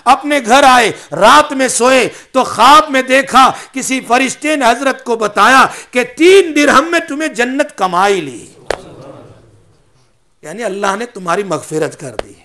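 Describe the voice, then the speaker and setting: A man's voice: very high voice, lively intonation, bright, forceful tone. A man giving a religious sermon, mixing in English phrases and asking his listeners questions. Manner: asks the audience questions. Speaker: preacher.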